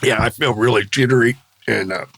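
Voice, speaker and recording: A man's voice: medium pitch, brisk, creaky, fairly bright tone, no echo. Congested man with missing teeth, casual talk. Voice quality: speech of someone with missing back teeth. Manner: blunt, rambling, swearing. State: congested, mouth breathing. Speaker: podcast co-host. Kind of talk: casual chat.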